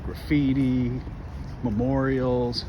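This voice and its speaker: A man's voice: medium pitch, flat delivery, takes it slowly. A man walking an outdoor trail and talking casually for his vlog, out of breath, thoughtful and rambling. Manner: musing, soft-spoken to wildlife. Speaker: vlogger. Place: outdoors on a trail, urban edge. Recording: faint outdoor noise, traffic.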